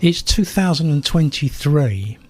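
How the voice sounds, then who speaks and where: An older man from South London with a South London accent, a guest in a radio interview who tells stories with lively acted-out dialogue. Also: on the high side, unhurried, breathy edge, no echo. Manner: animated storyteller, acts out dialogue.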